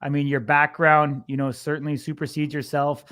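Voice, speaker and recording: Higher-voiced male sports interviewer. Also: level tone, moderate pace, a bit bright.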